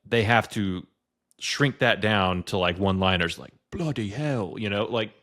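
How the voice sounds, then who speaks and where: A man with a very low, deep voice co-hosts a podcast in loose, casual chat. He rambles and leans on filler words, talking into a podcast mic. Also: steady tone, normal speed, pushed and bright. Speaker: podcast co-host.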